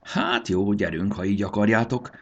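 A man voicing a young boy who mutters in annoyance and talks in a hushed voice. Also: lowish voice, lo-fi sound, a little hiss or hum, pitched above the performer's own voice, lightly acted. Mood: grumbling. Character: young boy Jakab, grumbling and resigned.

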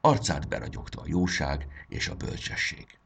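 Man, children's story narration, deep voice, husky, lively melody.

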